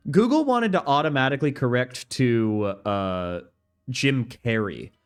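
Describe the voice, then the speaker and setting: Casually commenting on his gameplay, a young streamer reads out viewers' messages and laughs readily. He speaks a little slowly, in a smooth, medium-pitched voice with lively intonation.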